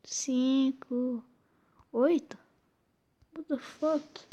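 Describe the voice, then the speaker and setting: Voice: sits high, fairly even intonation, extremely slow, warm tone, muffled recording. A Brazilian with a tongue-tied, slushy lisp in a woman's or child's register, giving casual, muttered commentary while playing a quiz game. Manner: informal, muttering reactions to the game. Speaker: gaming video host.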